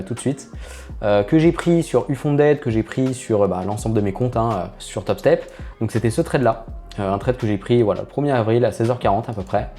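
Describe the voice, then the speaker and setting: A chatty man walks viewers through his screen, speaking in a relaxed, mellow, darker tone. He hesitates often and fills pauses with filler sounds, with soft music faintly underneath. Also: mid-range voice. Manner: hesitant, full of filler "euh"; chatty, addresses viewers directly. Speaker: trading channel host. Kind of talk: casual screen-share commentary.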